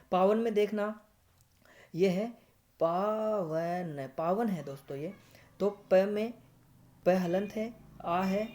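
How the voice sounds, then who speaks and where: A man's voice: high voice, darkish tone. A male teacher giving a screen-recorded grammar lesson. He repeats words, keeps addressing viewers as friends and corrects himself as he goes. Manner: corrects himself mid-explanation. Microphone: screen recorder app.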